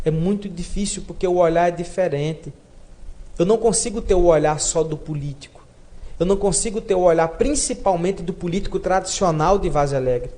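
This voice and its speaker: A man's voice: fairly high pitch, a little mellow. A man from Brazil in his thirties, a re-elected city councilman answering an interview in an earnest, heartfelt way, repeating phrases for emphasis.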